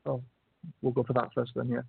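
A tired man in pain calling in to a radio show over a phone line, soft-spoken with small laughs. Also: medium pitch, completely flat delivery, a little fast, gravelly, slightly rough, no room sound. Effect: caller heard over a phone line. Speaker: international caller reading poetry.

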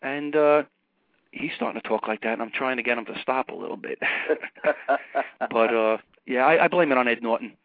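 A man's voice: medium pitch, fairly quick, no room sound. A man with a Brooklyn New York accent, chatting casually as a caller over the telephone. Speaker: phone-in caller. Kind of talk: casual chat. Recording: muffled, lo-fi phone call.

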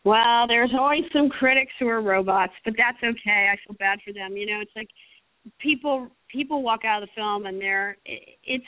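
A woman's voice: on the high side, moderate pace, no echo. Passionate woman on a tinny phone line. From United States. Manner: passionate, rambling, frequent restarts. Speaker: screenwriter guest. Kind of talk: phone-in interview.

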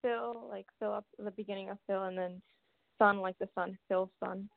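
A woman calling in by phone to a radio show, hesitant and quiet, answering slowly and spelling out her name. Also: medium pitch, steady tone, creaky, dry recording. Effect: phone line into a radio show. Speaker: caller. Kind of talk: call-in chat. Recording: tinny dry phone line.

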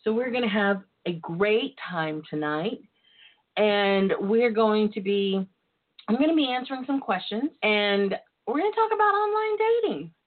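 Over tinny, phone-line sound, a woman with a medium-pitched, animated voice hosts a casual solo internet radio chat a little slowly. Her manner is campy and sassy, bawdy and full of chatter.

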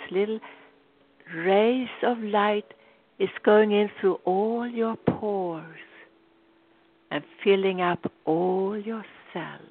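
A woman leading a guided meditation in a soothing voice that drifts into whispers. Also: mid-range voice. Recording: tinny phone-like sound.

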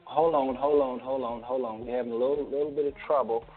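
A man's voice: mid-range voice, fairly even intonation, fast talker, husky, soft background music. A man hosting a phone interview in a folksy, chatty way, often cutting in on his guests. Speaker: host. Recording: tinny phone line.

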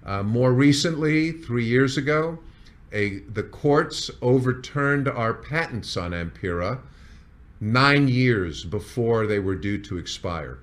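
In the role of founder and CEO, a man walks through company history with measured executive storytelling, seemingly addressing staff. His medium-pitched voice has lively intonation.

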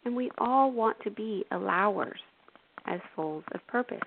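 A woman hosting a spiritual self-help radio show, coaching gently with frequent "you know" and "right". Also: mid-range voice, expressive, a little slow, creaky, a little hiss or hum. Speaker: radio show host and intuitive. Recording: tinny phone-like radio audio.

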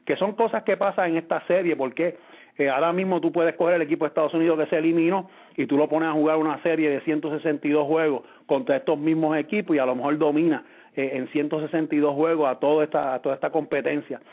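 A Puerto Rican man co-hosts a sports podcast, reasoning aloud and repeating words as he restarts his thoughts. His voice sits a bit high and comes through a narrow, phone-like line. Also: fairly even intonation, fast. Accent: Puerto Rican Spanish. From Puerto Rico. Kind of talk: casual sports talk.

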